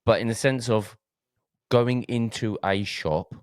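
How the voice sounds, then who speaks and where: A man's voice: fairly low pitch, slow pace, no echo, studio quality. A man from Essex with an Essex accent hosting a casual podcast chat, hesitating and repeating words as he goes. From Essex, England. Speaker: podcast host.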